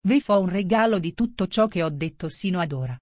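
A woman's voice: lowish voice, lively intonation, a little fast, darkish tone, dry recording, clean studio sound. A woman voicing a fawning old duchess who turns everything into a moral, in an audiobook reading. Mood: moralizing. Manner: sententious, moralizing.

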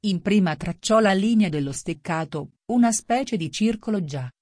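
A woman reading a storybook aloud as narrator, in an even, measured way. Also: medium pitch, no echo, studio quality. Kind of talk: audiobook narration.

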